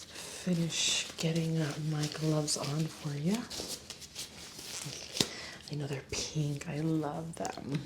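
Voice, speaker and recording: A woman whispers close to the mic in an unhurried, soothing ASMR roleplay, playing a friendly spa esthetician. Her voice sits a little low, and a steady hiss runs clearly under it. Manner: soft whisper, slow and soothing, chatty reassurance.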